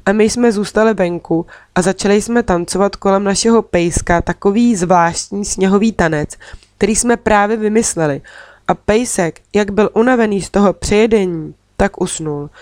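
A woman reads a children's storybook aloud in a steady, expressive way, close to the mic. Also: medium pitch, dry recording. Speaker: audiobook reader.

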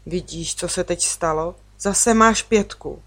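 Woman doing a strange low scolding voice. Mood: reproachful. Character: strange reproachful voice scolding a crying girl.

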